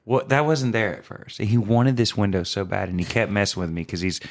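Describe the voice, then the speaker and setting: A man in his thirties with a Southern US accent, a singer-songwriter telling animated stories and laughing often in a casual chat. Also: fairly low pitch, brisk. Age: 30s.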